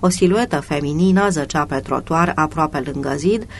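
Measured audiobook narrator, mid-pitched. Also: creaky, a little hiss or hum. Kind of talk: scripted narration.

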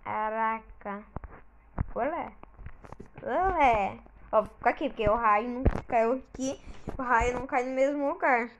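High-voiced Brazilian woman, slow gamer chatter. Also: muffled recording, background noise. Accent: Brazilian Portuguese. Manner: exclaims a lot, frequent frustrated outbursts. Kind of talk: casual gameplay commentary.

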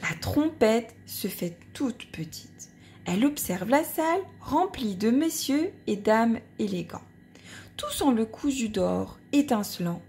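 A woman reading a children's storybook aloud. Her voice sits a little high and swings widely in pitch, playful and animated like a storyteller. She tells it expressively, speaking straight to a young listener. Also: takes it slowly, slight background noise. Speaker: storybook reader. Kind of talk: expressive read-aloud narration.

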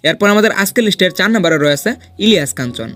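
A man narrating a ranked countdown as a scripted voice-over, with a high-pitched voice and a brisk, rushing pace. His delivery is dramatic and persuasive, and soft music plays underneath. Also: animated. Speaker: host of a film ranking video.

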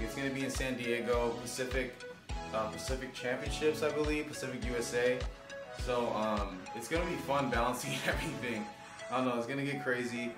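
Young man chatting in a roomy room. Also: medium pitch. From raised in Los Angeles. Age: young adult. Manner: relaxed, rambling with fillers. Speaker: vlogger, aspiring fitness coach. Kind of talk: casual vlog chat. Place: living room indoors. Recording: roomy and distant with music.

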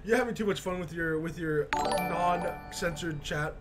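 A live streamer giving excited reaction commentary, yelling, laughing and swearing in bursts. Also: mid-range voice, measured pace, over loud music. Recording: steady background noise.

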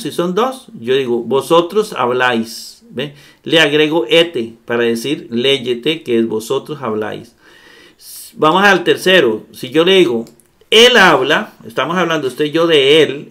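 Male grammar teacher, upper-middle pitch, patient and methodical, frequent check-in questions. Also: fairly bright tone. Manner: patient step-by-step explaining, often checking with "¿verdad?". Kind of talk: recorded grammar lesson.

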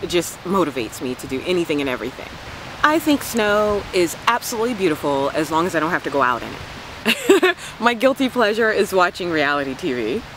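A woman in her forties from the Washington, D.C. area vlogs outdoors on a lawn beside some trees, chatting playfully to the camera and laughing often. Her voice sits on the low side, and she drops lively self-mocking asides. The camera mic is close, and there's background noise.

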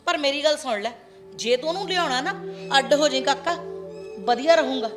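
An actress playing a sharp-tongued village mother who scolds her grown son. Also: high voice, brisk, soft background music, lightly acted. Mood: scolding. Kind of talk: Punjabi web series acting.

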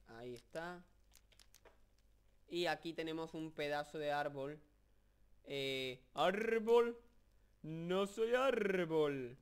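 A young man from Spain with a fairly high, smooth, clear voice talks over his video game. He rambles and jokes, keeps stopping to fill the gaps, and gets worked up over what he sees on screen. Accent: Spain Spanish. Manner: joking, rambling, excitable with many fillers. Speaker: gameplay commentator. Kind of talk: casual video game commentary.

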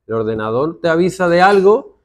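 A man's voice: fairly high pitch, brisk. A male secondary school teacher with a Spanish accent from Spain, lecturing his class and mimicking his students' complaints. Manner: lively, lecturing, acts out students' complaints in mocking voices.

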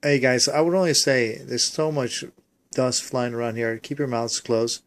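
A man's voice: mid-range voice, steady tone, normal speed. A man asking mock-reporter questions in a goofy home interview, teasing the others.

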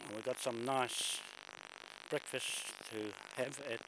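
An older man talks slowly while out of breath, filming himself walking outdoors on a bush stairway. His chat rambles and he keeps clearing his throat. The camcorder audio carries a loud, steady hiss. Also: medium pitch. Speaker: vlogger filming a walk. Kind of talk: casual walking commentary. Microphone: handheld camera mic.

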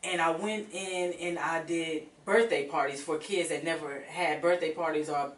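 A woman hosting a radio interview, chatty and quick to laugh as she tells stories. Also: low voice, steady tone, far from the mic. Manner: chatty, laughs often, storytelling. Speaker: radio show host. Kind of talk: casual interview chat. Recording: echoey room, voice off-mic, faint noise.

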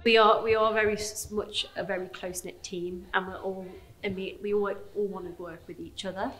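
Chatty young woman, medium pitch. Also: fairly even intonation, normal speed, a bit bright, soft background music, low-quality recording. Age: young adult. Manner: chatty, stumbles and restarts. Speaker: student performer. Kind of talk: on-camera interview. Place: indoors on a theatre stage set.

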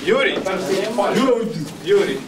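Man officer, brisk, high pitch, distant roomy sound, loud crowd. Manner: firm, repeatedly telling someone to calm down. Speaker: police officer. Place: police station room with people around. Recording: echoey room, off-mic, loud crowd.

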